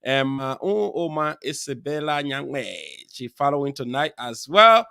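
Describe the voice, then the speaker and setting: A man hosting a live talk show, rambling through chatty shout-outs to viewers with frequent chuckles. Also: medium pitch, lively intonation, unhurried, gravelly, clear, resonant tone, no echo, studio quality. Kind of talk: casual live-show chat. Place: studio.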